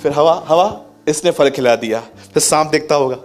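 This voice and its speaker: Male pastor, lively story-driven sermon, higher voice, light music bed. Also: moderate pace. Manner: animated, acts out quotes and laughs. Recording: faint music behind.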